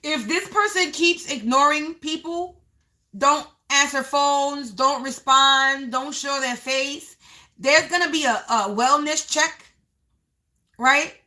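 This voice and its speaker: High bright-voiced woman giving a psychic reading. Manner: unscripted, narrating visions as they come; repeats phrases, drawn-out emphasis. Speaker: psychic reader.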